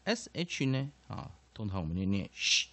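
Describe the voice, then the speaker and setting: A low-pitched man works through an English pronunciation lesson. His voice is gravelly and his pitch swings widely. He scatters filler particles through every sentence and repeats each point. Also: sing-song, moderate pace, sharp tone. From Taiwan. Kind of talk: explanatory lesson.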